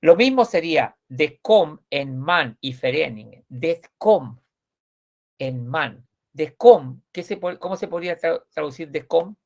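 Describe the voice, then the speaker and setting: A man's voice: on the high side, expressive, slow pace, vocal fry, highs cut off. A man teaching a language grammar class, explaining patiently and often asking students if they follow. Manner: patient, repeats words, asks checking questions. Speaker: Swedish teacher.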